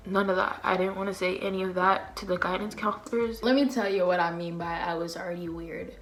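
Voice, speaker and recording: A young woman vlogger speaks to camera in a mid-range, slightly bright voice, captured with poor audio. Her talk is a candid confessional chat, casual and slangy and full of fillers.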